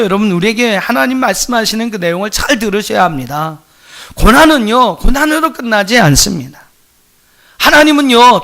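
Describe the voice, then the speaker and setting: Male pastor, pretty high voice, preaching hard, keeps asking the crowd questions. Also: bright, forceful tone. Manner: emphatic, repeatedly addresses the congregation directly; asks rhetorical questions, jokes with the congregation. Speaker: senior pastor. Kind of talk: sermon.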